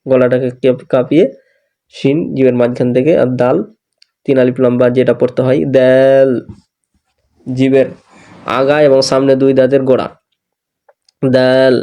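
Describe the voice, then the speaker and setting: Man, Bangladeshi Bengali accent, recitation teacher, patient, repetitive, mellow timbre. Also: mid-range voice, completely flat delivery, brisk. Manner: patient, repeats each syllable and corrects mistakes. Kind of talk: slow teaching, spelling out letters and syllables.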